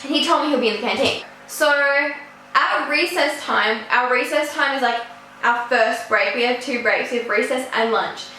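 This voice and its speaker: A woman's voice: fairly high pitch, normal speed, faint music behind. Chatty teenage girl, echoey room. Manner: chatty, animated, swears casually. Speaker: vlogger. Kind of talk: casual storytime.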